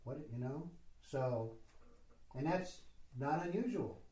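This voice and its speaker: A man's voice: on the high side, expressive, takes it slowly, dark tone. A man leading a spiritual retreat session, talking informally and rambling with many fillers and self-deprecating asides. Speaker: retreat teacher. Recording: roomy echo.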